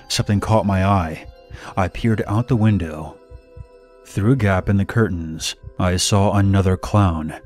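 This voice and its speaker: A man narrating a horror story in steady first person, scripted. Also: deep voice. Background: faint music.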